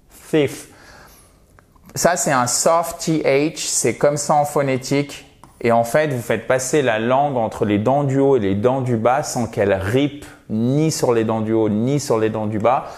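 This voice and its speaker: Slow, patient male language teacher. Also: medium pitch, a little mellow. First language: French. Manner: slow, patient explaining with repeated checks. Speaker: English teacher. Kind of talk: online language lesson.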